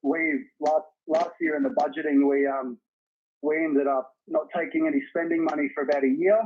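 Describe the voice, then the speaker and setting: A man's voice: fairly high pitch, steady tone, normal speed, slight background noise. A man from Australia with an Australian accent, calling into a live show over a phone on speakerphone, chatty and appreciative. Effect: heard over a phone on speakerphone. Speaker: caller. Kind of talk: casual call-in chat. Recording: tinny phone line on speakerphone.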